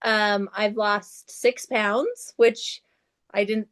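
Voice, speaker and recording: A woman's voice: medium pitch, fairly even intonation, drawn-out words, fairly bright tone. A woman sharing her experience as a guest on a video call, upbeat and candid. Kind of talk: casual chat on a video call.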